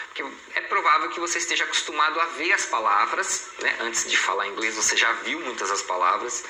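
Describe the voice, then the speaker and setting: A man's voice: medium pitch, sharp tone, a little hiss or hum. Man teaching in an echoey room. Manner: explains patiently, repeats example phrases slowly and clearly. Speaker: English teacher. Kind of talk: recorded online English lesson.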